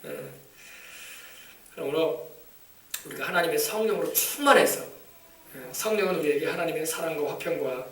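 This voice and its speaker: A man preaching a sermon, emphatic and shouting commands at demons, often asking the congregation for replies. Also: fairly high pitch, moderate pace, pauses often. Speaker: pastor. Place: church sanctuary. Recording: echoey church, mic from a distance.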